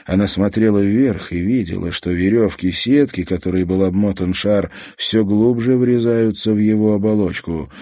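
A man narrating a story in a calm, measured way. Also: fairly low pitch, dry recording, studio quality. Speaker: audiobook narrator.

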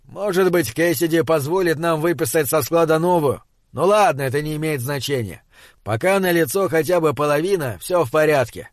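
A man voicing an exasperated male spaceship captain in an audiobook, impatient and given to shouting. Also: on the high side, normal speed, dry recording, clean studio sound, natural voice. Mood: businesslike. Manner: impatient, shouting when pressed.

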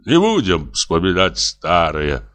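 A man's voice: lowish voice, big pitch swings, unhurried, a bit bright, faint music behind. A man reading a hearty, fussy elderly male postmaster who speaks in a familiar, wheedling way. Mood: tender.

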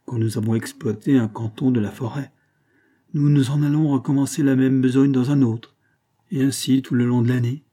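Frank, hearty young charcoal burner in an audiobook, read by a man, dark husky voice. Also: mid-range voice, fairly even intonation, normal speed, close to an everyday voice.

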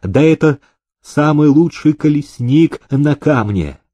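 A man's voice: fairly high pitch, expressive, takes it slowly, warm tone, no echo, pitched above the performer's own voice. A man voicing a tall, bony village priest who pleads with ardent urgency.

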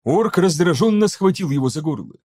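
A man reads an audiobook in steady, scripted narration. His voice is mellow and dark, and it sits a little higher than most men's. His pacing stays even through the action. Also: fairly quick. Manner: steady, even storytelling that voices each character.

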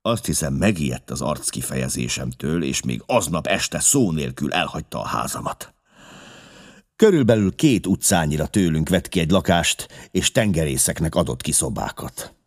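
A man narrating an audiobook as a dramatic first-person confession, reading expressively with emotional swells and sudden drops to a hush. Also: very deep voice, animated.

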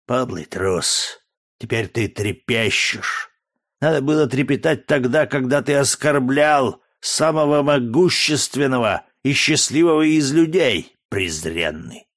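A man reading an audiobook, voicing a sick, raging old Roman dictator with a hoarse, frenzied voice. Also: mid-range voice, slow, a bit bright. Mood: scornful fury.

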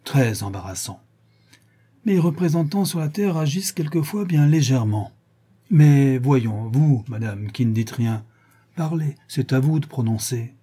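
A man's voice: on the high side, unhurried, dark tone, breathy edge. A man voicing a befuddled old heavenly Father. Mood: perplexed. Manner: puzzled, then easygoing and indulgent. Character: God the Father, elderly male judge, bewildered. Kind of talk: audiobook character reading.

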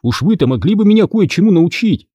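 A man's voice: high voice, very animated, fairly quick, mellow, dry recording, voice pushed up. A man voicing an eager, earnest young city boy in a storybook reading.

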